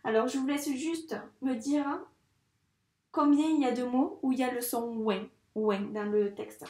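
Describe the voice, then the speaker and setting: A woman teaching a reading lesson to young children, speaking slowly and patiently with careful articulation. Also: a little high, fairly even intonation, a little mellow, echoey room. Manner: slow, patient, clearly articulated. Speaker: first-grade teacher.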